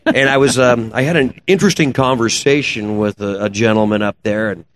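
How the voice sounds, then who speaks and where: Speaking a little fast in a steady, slightly bright voice on the low side, a man chats as an interview guest. He is a race car builder and shop owner, relaying car stories in colloquial, slangy shop talk. The recording has clear background noise and ambience.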